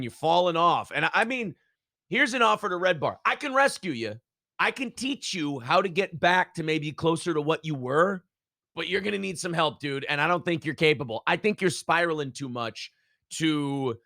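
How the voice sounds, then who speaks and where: A man's voice: on the high side, sharp tone, no echo, clean studio sound. A man hosting a podcast, ranting and mocking in casual chat. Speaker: podcast host.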